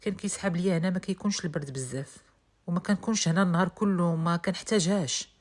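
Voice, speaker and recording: A woman with a Moroccan accent voicing a guarded young woman, speaking softly and hesitantly. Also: fairly low pitch, racing, natural voice. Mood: tense.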